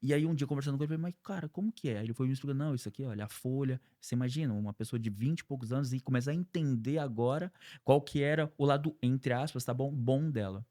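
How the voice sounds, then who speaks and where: Mellow Brazilian man hosting a podcast. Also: medium pitch. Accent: Brazilian Portuguese. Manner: relaxed, conversational, chimes in with quick agreement. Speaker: podcast host. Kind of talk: casual interview chat.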